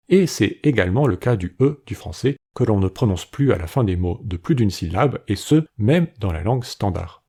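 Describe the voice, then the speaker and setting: A man giving a scripted educational narration about linguistics, explaining clearly and saying sample phrases aloud to show how they sound. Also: fairly low pitch, dark tone. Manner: clear explanatory delivery, demonstrates pronunciations.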